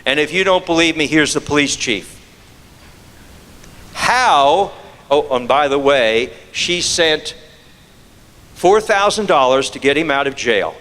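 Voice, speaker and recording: A man's voice: on the high side, animated, slow, long pauses, fairly bright tone, in a large hall. A man giving a scam-prevention presentation to an audience, firing off rhetorical questions and repeating key phrases for emphasis. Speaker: fraud prevention speaker.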